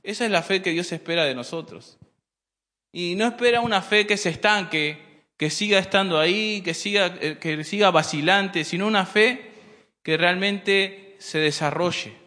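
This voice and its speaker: A man preaching a sermon, addressing the congregation as brothers and often pausing on rhetorical questions. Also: sits high, bright, forceful tone. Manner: repeats and restarts phrases while preaching. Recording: hall reverb.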